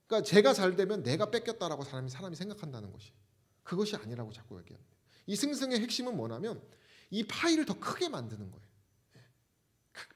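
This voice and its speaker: A man preaching a sermon as a pastor, asking the congregation rhetorical questions. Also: fairly high pitch.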